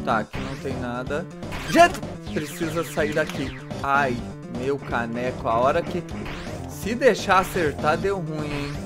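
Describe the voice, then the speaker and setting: A man doing let's play commentary, excitable, yelping and shrieking in panic as he plays. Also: high-pitched. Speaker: gamer.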